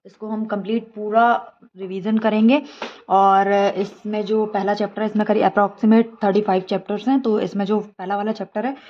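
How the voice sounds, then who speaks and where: A woman's voice: mid-range voice, lo-fi sound. A woman teacher giving a spelling lesson, her voice a little down because she is unwell, repeating each correction and checking in often. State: voice slightly down from feeling unwell. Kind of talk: spoken Hindi spelling lesson.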